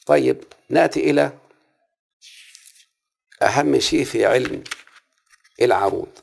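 Gravelly-voiced Egyptian man teaching a lesson. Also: medium pitch, expressive, a little slow, a little mellow. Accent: Egyptian Arabic. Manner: repeats rules and checks understanding with frequent questions. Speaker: teacher of Arabic prosody. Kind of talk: classroom lesson.

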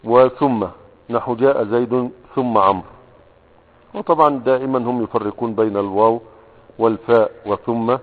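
A man with an Egyptian accent patiently explaining a grammar lesson, posing questions to himself and pausing often to find words. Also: mid-range voice. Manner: patient, explanatory, asks and answers his own questions, frequent hesitations. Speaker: teacher of Arabic grammar. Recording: tinny radio broadcast with long reverb.

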